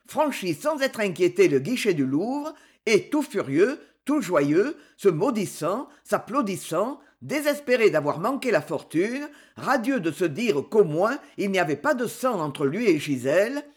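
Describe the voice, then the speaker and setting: Dramatic husky-voiced audiobook narrator. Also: medium pitch, very animated, a little slow. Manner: dramatic, phrase-by-phrase reading. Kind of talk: scripted narration of a historical novel.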